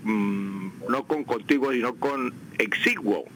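A man speaks on a radio broadcast as a language advisor. He explains grammar at a measured pace, says "eh" and "mm" often, and slowly repeats the example words. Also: mid-range voice, fairly bright tone, a little hiss or hum, rough recording. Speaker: language expert on a radio show. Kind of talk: radio language advice segment.

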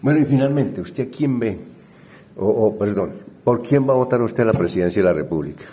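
Male interviewer, low mellow voice, casual questioning. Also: expressive, fairly quick. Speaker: interviewer, journalist.

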